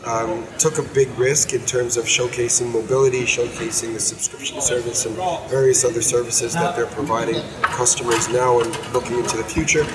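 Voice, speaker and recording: An American man whose voice is hoarse and nearly lost, chatting casually as co-host of a car podcast. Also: medium pitch, fairly even intonation, brisk, few pauses, a loud crowd. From United States. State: hoarse, losing his voice. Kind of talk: casual car show discussion. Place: indoors at an auto show stand. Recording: clearly noisy auto show floor.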